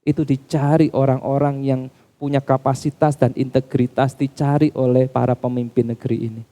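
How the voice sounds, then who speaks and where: A man preaching a sermon in a church, calling the congregation Bapak Ibu Saudara as his pitch climbs and drops. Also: level tone, moderate pace, dark tone. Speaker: pastor.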